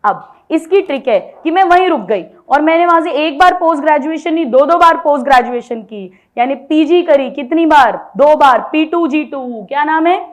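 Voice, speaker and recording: A woman's voice: high-pitched, animated, moderate pace, hardly any pauses. A woman biology teacher giving an exam-prep lecture, mixing Hindi with English terms and having students repeat names after her. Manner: drills mnemonics, has students repeat names aloud.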